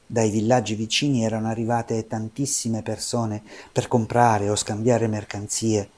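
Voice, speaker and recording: A male narrator reading a fable with a low, mellow voice. His delivery is measured and expressive. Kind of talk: storybook narration.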